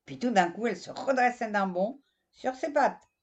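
A woman reading a story aloud in an expressive way, speaking straight to the listener. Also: a little high, moderate pace. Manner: expressive, addresses the listener directly. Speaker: narrator. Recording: dull lo-fi recording.

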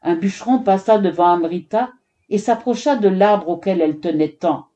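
A woman's voice: mid-range voice, normal speed, mellow. A woman narrating a children's story expressively, giving each character a voice.

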